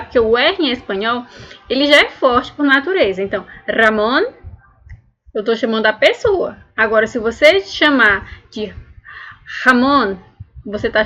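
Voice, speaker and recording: A woman's voice: on the high side, a bit bright, muffled recording. A woman teaching a recorded language lesson, patiently explaining and drilling words one at a time. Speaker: Spanish teacher.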